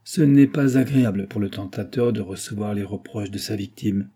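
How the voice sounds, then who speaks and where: A man narrating a classic novel as an audiobook in a steady, measured reading. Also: fairly low pitch, slightly rough. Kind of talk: reading a 19th-century novel aloud.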